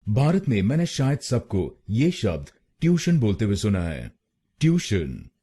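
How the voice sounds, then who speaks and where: Male Indian pronunciation tutor, lively pitch, drills words syllable by syllable. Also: breathy edge. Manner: slow, deliberate, repeating words syllable by syllable. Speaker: pronunciation teacher. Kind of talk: Hindi pronunciation lesson.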